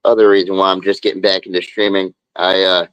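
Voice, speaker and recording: A man's voice: deep voice, level tone, fast, a bit bright, smooth, dry recording, poor audio. A man streaming casually as he draws, talking in a laid-back, drawling, slangy way into a phone. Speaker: live streamer and tattoo artist. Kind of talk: casual chat while drawing.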